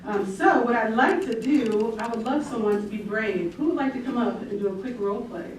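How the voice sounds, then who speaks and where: A woman runs a live training session in an upbeat, encouraging way. Her voice is a little high. The sound is distant and very echoey, with steady noise behind it. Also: brisk. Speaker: volunteer trainer. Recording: echoey room, mic far off.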